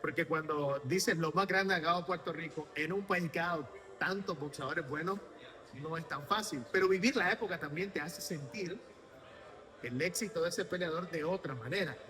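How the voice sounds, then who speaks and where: A man hosting a sports interview, lively and promotional, asking long questions. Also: fairly high pitch, moderate pace. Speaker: interviewer host.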